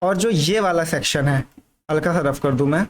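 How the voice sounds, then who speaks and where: A man a fairly high voice teaches a general studies lesson for exam students while marking up a map. He stretches out the key names slowly and keeps checking in his listeners. A light hiss of background noise sits under the recording. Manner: repetitive, checks in with "thik hai" constantly; drawls key terms slowly.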